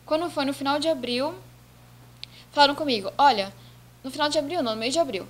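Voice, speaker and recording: Fast-talking young woman telling her story. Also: sits high. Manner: animated storytelling, acting out quoted dialogue. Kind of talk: casual personal account to camera. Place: office indoors.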